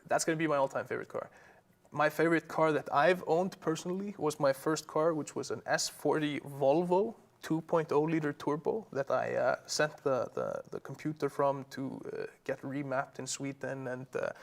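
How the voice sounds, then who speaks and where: Gravelly Icelandic man hosting a chat. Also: a little high, normal speed. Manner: rambling, frequent fillers and restarts. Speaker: host. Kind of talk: casual live-stream Q&A chat.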